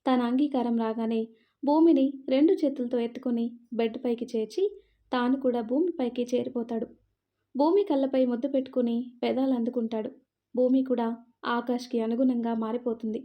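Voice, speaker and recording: A woman storyteller narrating a romance story in a calm, even manner on a slightly muffled recording. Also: a little high.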